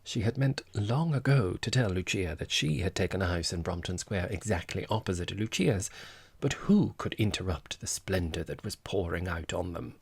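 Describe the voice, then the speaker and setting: A man narrating a comic novel as an audiobook, with measured, wry storytelling. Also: sits low, expressive, gravelly, husky, dry recording.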